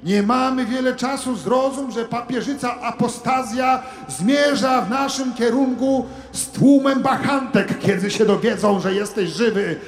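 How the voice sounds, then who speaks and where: High-voiced theatrical preaching man. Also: measured pace, hardly any pauses, echoey room, in a large hall. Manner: theatrical, shifts from hushed asides to shouted preaching. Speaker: comic preacher. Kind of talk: satirical sermon monologue.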